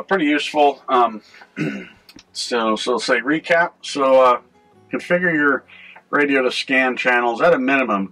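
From the helm of a cramped boat cabin, a middle-aged North American man hosts a conversational how-to video. He speaks with a lowish voice and a fairly bright tone.

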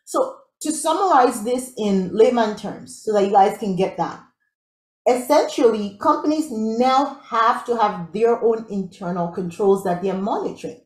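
A woman from Nigeria teaching a live online workshop on IT audits, talking fast and upbeat and often checking in with her audience. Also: on the high side, echoey room. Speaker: IT audit instructor.

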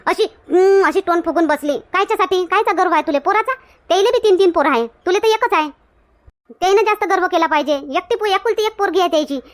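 A woman plays a short-fused village woman who scolds in a very high, piercing voice with a thick Varhadi Marathi accent. She lectures bluntly and does not back down. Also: quick pace. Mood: scolding. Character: outspoken village woman Shantabai, quick to flare up. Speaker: comic actor. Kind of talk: village comedy skit.

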